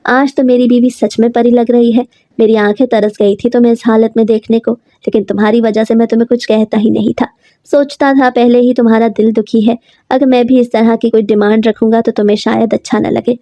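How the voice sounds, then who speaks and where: A man's voice: very high voice, level tone, brisk, mellow, no room sound. A woman reading the lines of a young husband in a spoken story, loving at first and later harsh and scolding. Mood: tender. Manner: overjoyed then harsh and scolding.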